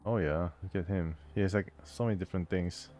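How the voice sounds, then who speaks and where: A gameplay host with a low, fairly quick voice chats casually over a role-playing game as he plays, faint music behind him. He reads the game's text aloud and thinks out loud in an amused, talkative way.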